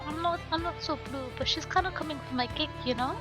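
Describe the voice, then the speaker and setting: A woman's voice: high-pitched, quick pace, over music. A woman chatting casually to viewers on a game livestream in a cute, bubbly, giggly anime-streamer manner.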